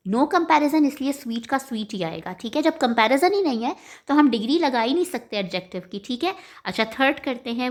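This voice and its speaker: A woman teaching an exam-prep grammar lesson, explaining step by step, checking in often and correcting her own slips. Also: a little high. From Pakistan.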